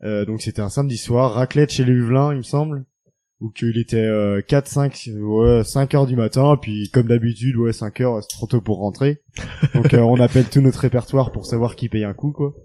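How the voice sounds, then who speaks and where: A young man telling a party story in casual chat, pausing often as he talks. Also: medium pitch, dark tone. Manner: halting, full of hesitations. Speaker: guest telling a party anecdote.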